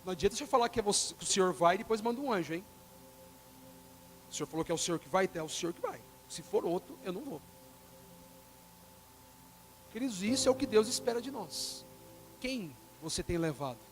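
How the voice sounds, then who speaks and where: A man preaching with a very high voice for a man. He talks animatedly, acting out the quoted lines himself. He swings from loud bursts down to near-hushed asides. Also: animated, quick pace. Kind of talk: sermon.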